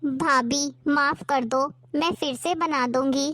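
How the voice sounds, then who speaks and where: A woman's voice: high voice, steady tone, takes it slowly. A woman playing a timid, meek young sister-in-law. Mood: pleading. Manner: timid, pleading, hesitant. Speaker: performer in a family skit. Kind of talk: amateur family drama acting.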